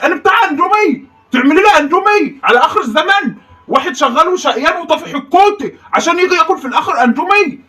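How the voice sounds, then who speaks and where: Woman playing a hot-tempered hungry Egyptian husband, rapid-fire ranting, bright high voice, recorded from across the room. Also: animated, recorded from a distance. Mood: indignant. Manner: ranting, shouting complaints. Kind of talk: comedy sketch.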